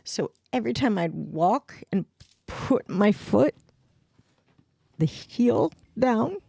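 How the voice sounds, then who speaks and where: A woman streamer telling a story slowly and casually, with laughs and imitated squeak sounds, from home at a desk mic. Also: lively intonation, gravelly, warm tone, no echo.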